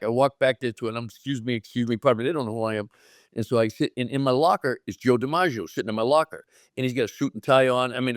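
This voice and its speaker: Fast-talking man telling a story. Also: mid-range voice, dry recording, clean studio sound. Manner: animated, acts out quotes with raised voice. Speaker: guest, former pro ballplayer. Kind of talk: casual storytelling.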